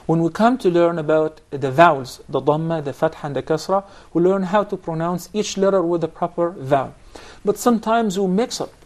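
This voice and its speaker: A man's voice: a little high, fairly quick, few pauses. A man teaching a Quran recitation class, explaining points patiently and quizzing his students. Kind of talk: classroom instruction.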